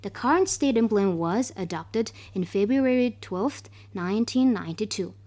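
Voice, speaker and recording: A woman's voice: medium pitch, lively intonation, moderate pace, warm tone. A woman radio presenter, reading scripted informational narration.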